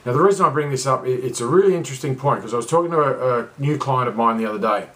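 Casting: male coach, mid pitch, easygoing rambler who drifts off track. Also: racing, fairly bright tone. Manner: rambling, lots of uh and restarts, wanders off track. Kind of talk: casual talk to camera.

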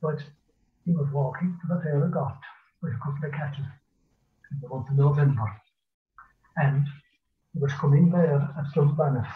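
A thin, phone-like video call carries an older man with a rural west of Ireland accent. His voice sits fairly high for a man. He tells folk tales in a lilting, rambling storyteller's way, circling back on phrases and pausing. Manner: lilting, rambling Irish storyteller with repetitions and pauses. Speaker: folklorist and storyteller. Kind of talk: oral folk storytelling in casual speech. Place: small dim room at home, indoors. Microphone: computer mic on a video call.

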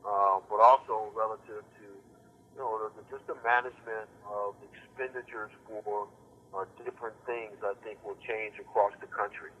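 Older man, halting, over a conference call. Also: on the low side, steady tone, pushed and bright. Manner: halting, restarts often with repeated words. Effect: heard over a conference call line. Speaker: official answering reporters' questions. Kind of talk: press teleconference answers. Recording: dull lo-fi call audio.

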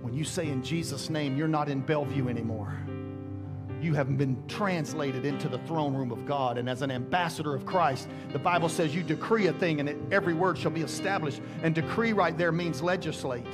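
A middle-aged man pastor preaching a sermon on a large church stage through a headset mic, with emphatic rising calls and slow, drawn-out scripture readings. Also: on the high side. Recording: church sermon with music behind.

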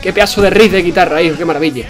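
A man commentating a video game, excitable, swearing and joking to his viewers. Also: high-pitched, rapid-fire, music in the background. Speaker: gaming commentator. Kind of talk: let's play commentary.

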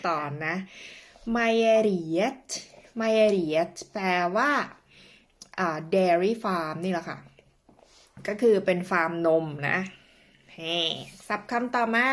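Casual vlog teacher, a Thai woman who sounds out each new word slowly. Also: medium pitch. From northeastern Thailand. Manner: chatty, many fillers, slow careful spelling of words. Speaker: language teacher vlogger.

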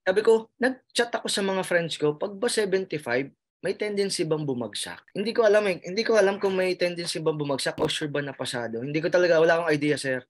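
A man's voice: high voice, fast talker. A Filipino man with a Filipino accent, a nurse telling his story in an emotional interview, earnest and full of restarts and fillers, often calling the host sir. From Philippines. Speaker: interviewee, nurse who passed the licensure exam.

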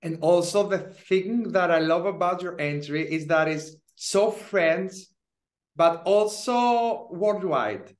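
High-pitched young man, upbeat video-call interviewer. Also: takes it slowly. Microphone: webcam on video call.

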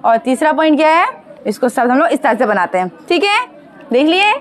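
A woman with a high voice teaches a Hindi lesson to young children. She sounds out each syllable slowly and patiently and keeps asking the children questions. There is a faint hiss of background noise behind her. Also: big pitch swings.

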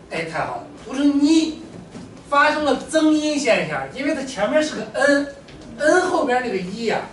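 A man teaching a classroom language lesson, joking and animated with his students. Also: extremely high pitch. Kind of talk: classroom lecture. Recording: echoey room, mic far off, faint room noise.

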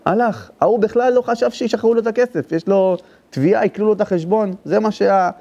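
A man's voice: creaky, warm tone, highs cut off. Man preaching a dramatic story sermon. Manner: emotional, swings into high, intense cries at story climaxes; addresses the audience directly, urging them to listen. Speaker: rabbi. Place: live lecture before an audience.

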